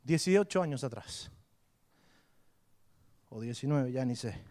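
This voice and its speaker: A middle-aged Argentine pastor preaching a sermon, moving between quiet storytelling and loud, rising preaching. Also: male voice, medium pitch, lively intonation, takes it slowly. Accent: Argentine Spanish.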